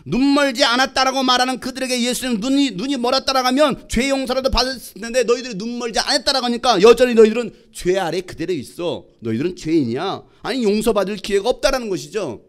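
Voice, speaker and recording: A man preaching a sermon as pastor, questioning the congregation and acting out quoted exchanges in a lively way. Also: extremely high pitch, fast, hardly any pauses.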